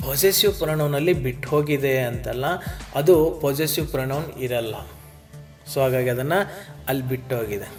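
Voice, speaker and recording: A man teaching English grammar in Kannada with a Kannada accent, reading the English example sentences slowly. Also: medium pitch, a little mellow. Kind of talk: lesson explaining grammar in Kannada.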